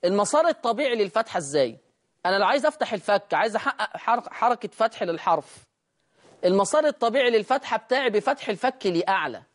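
A man's voice: sits high, lively intonation, fairly bright tone. Egyptian man teaching Quran recitation. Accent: Egyptian Arabic. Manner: asks himself questions and answers them, drawn-out demonstrations of sounds. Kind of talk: recitation lesson. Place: teaching room with a board.

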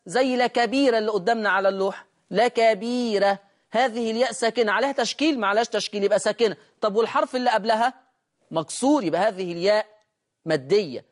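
A man with an Egyptian Arabic accent teaching Quran recitation rules, asking himself questions and answering them, with slow, drawn-out demonstrations of the sounds. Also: very high voice. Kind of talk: recitation lesson. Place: teaching room with a board.

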